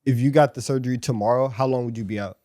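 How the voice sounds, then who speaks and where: A man's voice: medium pitch, steady tone, very fast, warm tone, no echo, studio quality. A man chatting casually as a panelist on a podcast. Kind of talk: casual chat.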